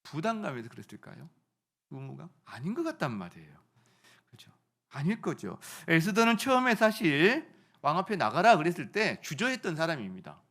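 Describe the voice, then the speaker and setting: A middle-aged man preaching a sermon as pastor, swinging from loud rising phrases to soft storytelling. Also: a little high, wildly swooping pitch, brisk.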